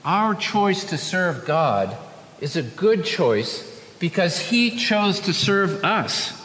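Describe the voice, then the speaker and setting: A man preaching a sermon as pastor, with earnest emphasis, rising on key phrases and slowing down for scripture quotations. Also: sits high, very animated, fairly bright tone, slight background noise. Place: church. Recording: echoey church hall.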